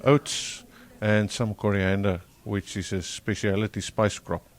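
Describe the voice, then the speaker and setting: Low-pitched man with a broad South African accent. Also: level tone. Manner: halting, self-correcting. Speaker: farmer, interview guest. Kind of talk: interview answers.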